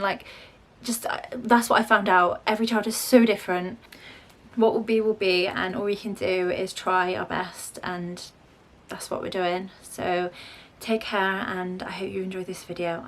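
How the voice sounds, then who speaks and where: A young woman, a parent vlogger chatting casually to camera at home in a down-to-earth way. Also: mid-range voice.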